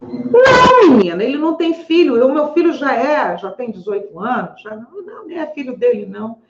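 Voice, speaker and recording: A woman's voice: high voice, sing-song, moderate pace, background noise. A woman doing a weepy, indignant patient. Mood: tearful indignant. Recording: echoey room, slightly dull audio.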